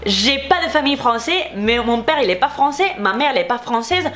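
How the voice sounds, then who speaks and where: In her casual vlog, a young Spanish beauty YouTuber responds to comments in French, her Spanish accent clear, heated and repetitive. Her fairly high, slightly bright voice moves fairly quickly with lively intonation.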